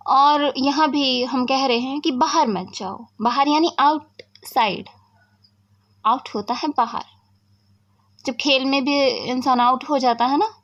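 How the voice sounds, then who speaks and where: A woman gives a spoken English lesson in a fairly high voice. She explains at an unhurried, patient pace and draws out each example sentence. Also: fairly bright tone, muffled recording. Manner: slow, patient explaining with words read out very slowly. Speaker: English teacher.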